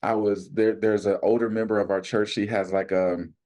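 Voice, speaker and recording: Enthusiastic low-voiced man from Arizona. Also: little pitch movement, moderate pace, darkish tone. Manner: enthusiastic, storytelling, exclamatory. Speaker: community minister. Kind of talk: casual podcast chat.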